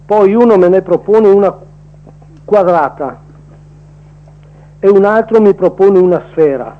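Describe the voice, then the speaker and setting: A man's voice: high voice, measured pace. A man calling into a radio show over the phone, speaking in a plainspoken, earnest way. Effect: heard over the phone line. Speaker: radio call-in caller. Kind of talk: casual opinion on air. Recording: muffled phone-line audio.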